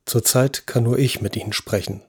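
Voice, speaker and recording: Man doing a patient doctor voice, soft and soothing, low husky tone. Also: moderate pace, dry recording, clean studio sound. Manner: soft-spoken, reassuring. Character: calm, patient male neurosurgeon. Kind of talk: audio drama acting.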